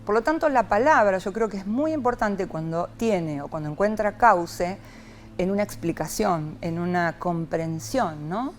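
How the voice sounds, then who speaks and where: An Argentine psychologist, appearing as an interview guest, reflects on things in a lively, expressive way and often tosses in a rhetorical "¿no?". Her voice is mid-range and a little slow, with slight background noise.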